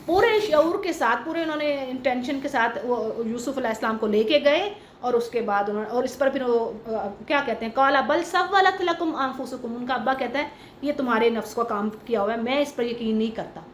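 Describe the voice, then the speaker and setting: High-voiced woman teaching Quran commentary. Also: roomy sound, a little hiss or hum. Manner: explains patiently, mixing in English terms and reciting Arabic verses; asks the class questions and waits for answers.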